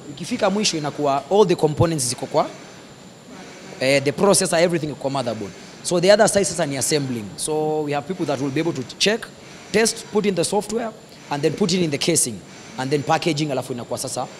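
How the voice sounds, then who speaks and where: Showing visitors through an electronics factory, a factory guide in his forties with a Kenyan accent explains the machines in relaxed mixed Swahili and English, gesturing and pointing as he goes. His voice sits on the high side. A handheld mic held by the interviewer picks him up on the large indoor floor, with slight background noise.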